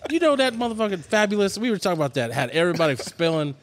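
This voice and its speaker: A man's voice: high-pitched, sing-song, very fast, very noisy. A man from the Kansas City area, joking and arguing in a casual podcast chat. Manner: joking, argumentative.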